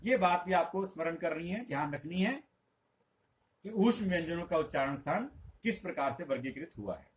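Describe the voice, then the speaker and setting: A middle-aged male teacher explains patiently, stretching out each example sound slowly for emphasis. His voice sits a touch higher than most men's. A faint hiss of background noise runs under the lesson. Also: animated. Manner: patient, instructive. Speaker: Hindi teacher.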